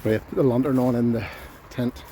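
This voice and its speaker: A man's voice: mid-range voice, steady tone, fairly quick, warm tone. Man chatting casually outdoors over road noise. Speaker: camping vlogger. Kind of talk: casual outdoor vlog talk to camera. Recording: clear outdoor background noise, nearby road.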